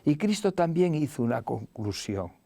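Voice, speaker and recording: A man preaching a sermon, slow and deliberate, sinking into a near whisper on key lines. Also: fairly high pitch, very animated, creaky, dark tone, no room sound.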